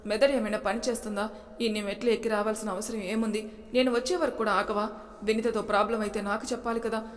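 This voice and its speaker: A woman's voice: medium pitch, flat delivery, brisk, darkish tone, long reverb tail, close to an everyday voice. A woman narrator voicing an angry, protective young husband who scolds and insists. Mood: scolding.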